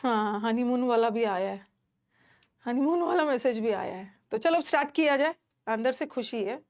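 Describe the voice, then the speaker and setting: An Indian woman teaching online, talking to her students in a chatty, emphatic way and filling pauses with "theek hai". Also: a little high, expressive. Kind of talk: casual classroom talk to students.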